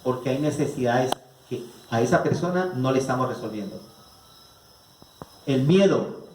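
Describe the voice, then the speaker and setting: A man with a Colombian accent gives a psychology talk to a live audience, asking rhetorical questions and checking in with the listeners. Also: fairly high pitch. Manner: rhetorical, asks the audience questions, repeats "¿no es cierto?". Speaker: psychologist giving a family conference. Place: rural venue with an audience. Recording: echoey room picked up from a distance.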